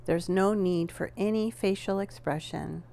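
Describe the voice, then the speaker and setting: Speaking at a medium pitch, a woman acting as a yoga nidra instructor talks the listener through a relaxation, her guidance gentle and measured with deliberate pauses.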